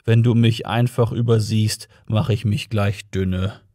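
A man voicing a depressed male robot in an audiobook, speaking in a slow, dull, droning monotone. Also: fairly low pitch, no room sound, clean studio sound, natural voice. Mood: gloomy.

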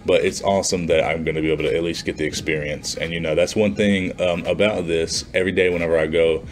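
A man in his twenties chats informally to camera like a student vlogger, recorded in a small, plain indoor room. His low voice is steady and fast, with a little hiss or hum in the background.

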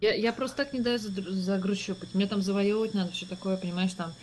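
Woman, medium pitch, fast pace, casual game role-play chat, faint noise. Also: fairly even intonation, darkish tone.

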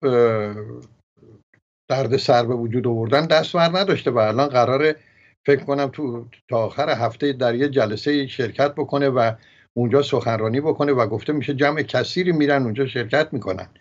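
Male host asking long questions. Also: mid-range voice. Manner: long winding questions with pauses. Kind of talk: interview questions. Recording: dull lo-fi sound.

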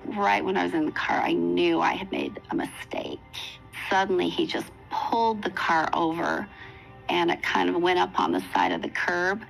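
A woman in her sixties telling her own story in a documentary interview, earnest and reflective, with pauses and restarts. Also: lowish voice, expressive, gravelly, soft background music, rough recording. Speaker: interviewee recounting her past.

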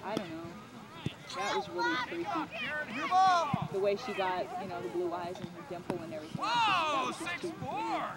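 A woman's voice: medium pitch, big pitch swings, normal speed. A woman chatting casually and laughing often while filming her family at a children's soccer game outdoors on a home video camera.

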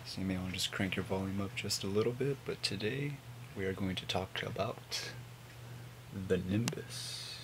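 A man in his twenties giving a casual, mumbled, sweary product review on a low-volume webcam recording. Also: moderate pace, background noise. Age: 20s. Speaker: vape reviewer. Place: small home room with hanging clothes.

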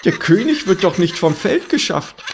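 A man's voice: sits high, sing-song, moderate pace, gravelly, slight background noise, voice pushed up, full character voice. A man doing a cheerful chess king. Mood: jovial. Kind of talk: audiobook character voice.

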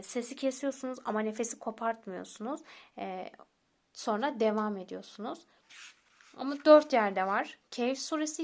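Patient woman teacher, fairly high voice. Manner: patient, repeats rules step by step, addresses listeners as friends; slows down to recite example words. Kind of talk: recorded tajweed lesson.

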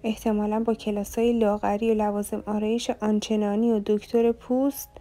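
Mellow, even-toned woman narrating a novel. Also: medium pitch, faint music behind. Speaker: audiobook narrator. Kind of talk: scripted audiobook narration.

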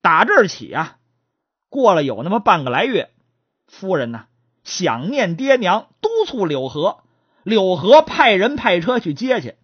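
A woman tells a traditional story in a chatty way, talking straight to her listeners. Her husky voice swings widely in pitch. The recording is dry and slightly dull. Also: very animated, unhurried, no echo.

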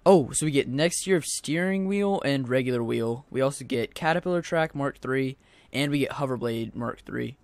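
A young man giving casual, rambling let's-play commentary, excitable and full of goofy asides. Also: mid-range voice, clear, resonant tone, no echo. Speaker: gaming video host.

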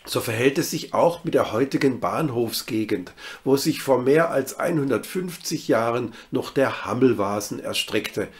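A man giving a scripted documentary narration for a literary city tour, reading in a measured, even manner. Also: medium pitch.

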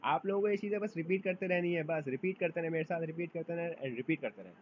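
A man gives a beginner language lesson, his voice a little high, and he stretches out each model sound. He keeps asking the class to repeat after him. The recording is dull and lo-fi, with a faint hiss behind. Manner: repeats drills patiently, asks learners to repeat after him; drawn-out model sounds for drills. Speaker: language teacher.

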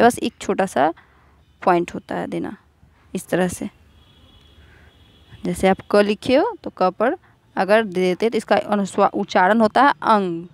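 A woman teacher talks a class of small children through a lesson, asking questions and answering them herself. She says each example word slowly and more than once. Her voice sits at a middle pitch and is recorded close and dry, with no room sound. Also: vocal fry, dry recording. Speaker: school teacher.

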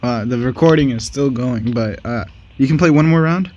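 A man giving casual, excitable commentary while playing a game with a friend, laughing and trash-talking his opponent. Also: medium pitch, moderate pace, highs cut off. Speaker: gaming channel host.

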